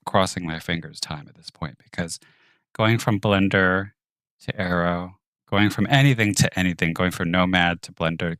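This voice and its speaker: Male streamer, deep voice, close and dry, muttering commentary while he works. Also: fairly bright tone, dry recording. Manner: thinks aloud, muttering and whispering to himself. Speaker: 3D artist streaming his work. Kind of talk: live-stream narration of work.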